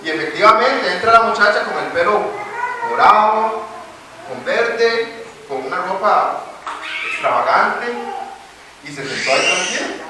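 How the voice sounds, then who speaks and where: Recorded at a distance in a reverberant church hall with background noise, a pastor from Costa Rica delivers a sermon with his Costa Rican accent. His pitch is high and his intonation lively, though he speaks a little slowly with long pauses, moving from a story into forceful proclamation.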